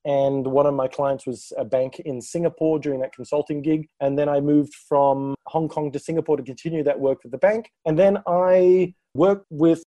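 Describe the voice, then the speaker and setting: A man who grew up in Malaysia, a guest on a podcast, telling his career story in a relaxed way. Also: a little high, normal speed, few pauses, no room sound. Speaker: guest speaker. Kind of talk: interview conversation.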